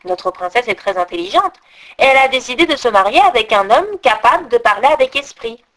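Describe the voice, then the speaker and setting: A chatty, know-it-all crow from a storybook, as a woman reads her, in a high voice that leaps up and down. She explains at length, confiding and a little self-important. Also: expressive, brisk, a bit bright. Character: talkative old crow, female, know-it-all. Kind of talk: storybook reading.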